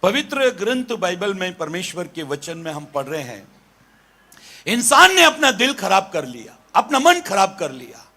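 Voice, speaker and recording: A male pastor preaching a sermon, animated and questioning his congregation. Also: high-pitched, moderate pace. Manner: animated, calls on listeners with questions.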